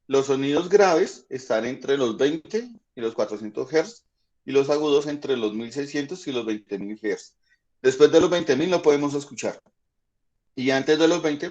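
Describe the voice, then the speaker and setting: A man teaching a high school physics class online, patiently explaining and checking in with the students often. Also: a little mellow, muffled recording.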